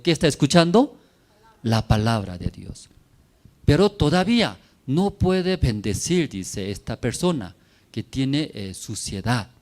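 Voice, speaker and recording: Guy preaching slow in church, pitch jumping up and down, keeps asking "right? no?" in short choppy bits. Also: a little mellow. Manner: checks in constantly with tag questions; simple, broken phrasing. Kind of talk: sermon.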